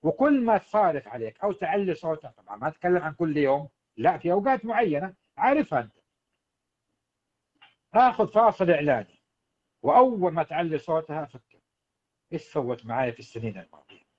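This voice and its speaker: A man's voice: on the high side, big pitch swings, fast talker, pauses often, highs cut off. A man, a marriage coach giving earnest advice to husbands on a livestream. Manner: earnest, exhorting, addresses husbands directly. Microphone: livestream setup.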